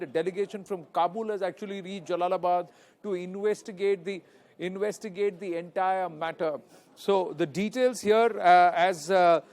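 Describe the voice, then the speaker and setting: A man with an Indian accent anchoring live news from a newsroom, stressing and repeating key phrases emphatically. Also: sits high.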